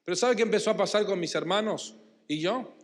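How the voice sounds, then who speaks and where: Argentine man preaching from the pulpit, high voice, lively call-and-response, big church reverb. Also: brisk. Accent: Rioplatense Spanish. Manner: emphatic, calls the congregation to repeat and answer. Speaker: pastor. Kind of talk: sermon. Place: church hall. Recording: long church-hall reverb.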